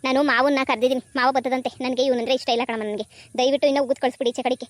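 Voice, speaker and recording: A woman voicing a high, quick-talking young village wife in a cartoon comedy. She turns from sugary begging to biting scorn. The recording is close and dry. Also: fairly even intonation, dry recording, lightly acted. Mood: angry. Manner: pleading sweetly to her father-in-law, then scolding with contempt.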